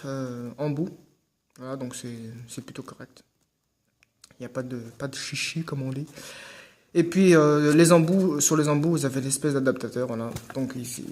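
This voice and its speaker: A man's voice: on the high side, darkish tone. A man casually hosting an unboxing video, hesitant with many fillers and restarts, joking asides to viewers.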